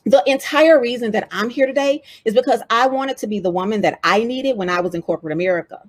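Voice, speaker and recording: A woman with a Southern US accent giving a lively, conversational motivational talk as a DEI speaker and author. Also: fairly high pitch, fast.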